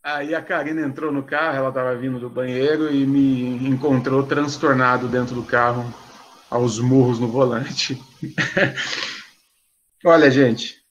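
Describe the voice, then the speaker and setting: A man, a pastor telling a story to a live online audience in an animated, sarcastic way. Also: medium pitch, unhurried, muffled recording, slight background noise.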